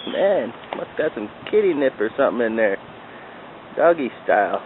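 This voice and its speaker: His pitch is medium but swings widely as, at a moderate pace, he teases and coaxes his dog in baby talk. The man is in his back yard filming on a handheld camera, and the audio is tinny and lo-fi with faint outdoor sounds.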